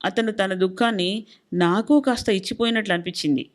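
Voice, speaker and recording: A woman voicing a soft-hearted middle-aged wife who speaks gently and pleadingly. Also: mid-range voice, a little fast, natural voice. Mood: pleading gentle.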